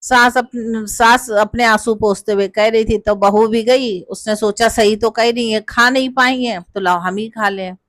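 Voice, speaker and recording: A woman's voice: on the high side, fairly even intonation, a little slow, hardly any pauses, a bit bright, no room sound. Homely woman telling a devotional folk tale. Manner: homely, chatty, addresses listeners as brother. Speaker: storyteller.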